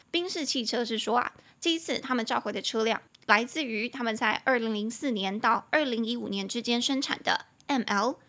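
On her casual English lesson podcast, a young woman with a fairly high-pitched voice explains words and spells them out slowly, lively and amused at herself.

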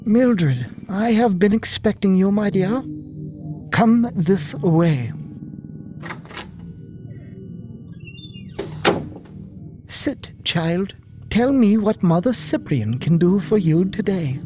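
A haughty old nun, voiced by a male storyteller, looms over the listener in a raised, unnatural register. She speaks very slowly and mockingly, savoring her authority. Soft music plays quietly behind her. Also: high-pitched, animated, pitched above the performer's own voice. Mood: coolly welcoming. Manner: imperious, mocking, drawn-out. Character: stern, condescending elderly nun woman. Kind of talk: storybook narration with character voices.

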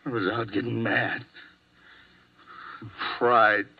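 Slow and husky, with vocal fry and a level mid-range voice, an actor gives a full character performance as a hot-tempered man wanted for murder. The 1950s radio drama sounds dull and lo-fi, and he veers desperately between threatening and begging.

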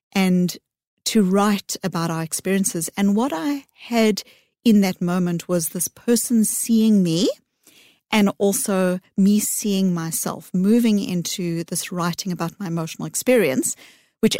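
A middle-aged woman, a psychologist giving earnest, measured interview answers with thoughtful pauses. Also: medium pitch, warm tone, dry recording, clean studio sound. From South Africa. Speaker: psychologist guest.

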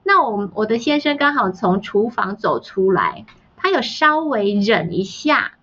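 A woman's voice: mid-range voice, sing-song, measured pace, sharp tone. A woman, a parenting author telling family anecdotes as a podcast guest and mimicking the voices of her family. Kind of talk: storytelling in a podcast interview. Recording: slightly dull, muffled sound.

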